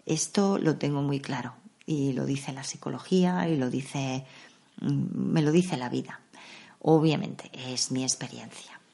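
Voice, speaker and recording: A woman hosting a reflective podcast on meditation, explaining practices in a calm, conversational way. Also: extremely low pitch, unhurried, gravelly. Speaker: podcast host.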